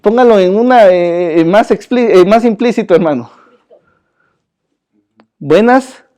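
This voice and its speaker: A man teaching a church Bible class in a lively, joking way, often asking his listeners questions and calling them brother. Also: sits high, unhurried.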